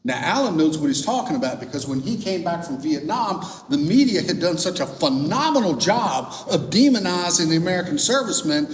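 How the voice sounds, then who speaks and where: A man's voice: brisk, hardly any pauses. A middle-aged man gives a storytelling talk as an author, acting out the people he quotes. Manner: lively storyteller who acts out quoted dialogue. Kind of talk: storytelling presentation. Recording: roomy hall echo, distant mic, faint rumble.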